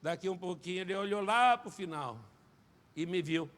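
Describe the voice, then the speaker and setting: A Brazilian man preaching a sermon at a church service, telling a personal testimony in an animated way and rising to shouts. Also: high-pitched, moderate pace. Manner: animated storyteller, acts out quotes, shouts at climaxes. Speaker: pastor and singer.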